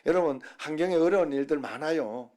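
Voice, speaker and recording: A man's voice: fairly high pitch, fairly quick, warm tone. A middle-aged man preaching a Sunday sermon, folksy and humorous, telling dialect jokes to the congregation. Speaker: pastor.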